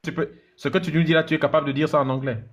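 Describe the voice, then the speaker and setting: A man's voice: on the high side, fairly even intonation, racing. A man hosting a live interview, asking probing, stammering questions. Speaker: host.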